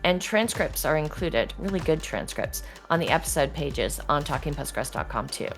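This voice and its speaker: A woman hosts a podcast in a low voice, friendly and a little halting with fillers. Faint music plays behind her. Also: lively intonation. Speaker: podcast host. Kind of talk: podcast hosting.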